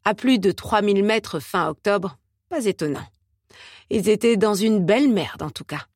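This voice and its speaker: A woman narrating an audiobook in a measured, steady reading style. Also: mid-range voice, no room sound, clean studio sound.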